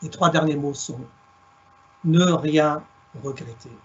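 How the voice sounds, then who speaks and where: A middle-aged man from Alsace, France, speaks as a guest storyteller over a video call from a room at home, using a headset. His voice sits on the high side and is a bit bright, though the highs are cut off and there's a faint hiss or hum. He tells his reflective story in a measured way, playing on words as he goes.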